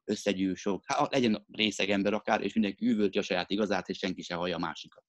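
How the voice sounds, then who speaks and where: Man, casual chat, lengthy explanations with dry wit; low voice, very dry recording. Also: steady tone, dry recording.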